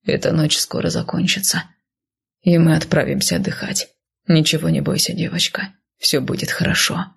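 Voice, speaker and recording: Woman doing a gruff, stern northern warrior. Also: deep voice, fairly even intonation, moderate pace, heavily acted. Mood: soothing.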